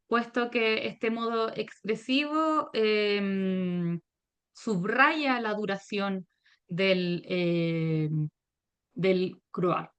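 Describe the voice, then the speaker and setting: A woman giving a virtual academic lecture, measured and hesitant, with frequent fillers. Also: fairly high pitch, fairly bright tone, smooth. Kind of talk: academic presentation. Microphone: video call.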